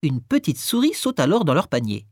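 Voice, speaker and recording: A woman reading a children's story aloud, expressive and acting out each character. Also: low-pitched, brisk, no room sound, studio quality.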